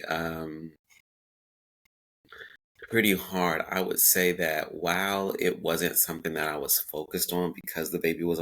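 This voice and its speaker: Podcast guest, male, 40s, very low bright voice, reflective and chatty. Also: low-quality recording. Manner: reflective, many fillers and self-quotes. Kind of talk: casual interview talk.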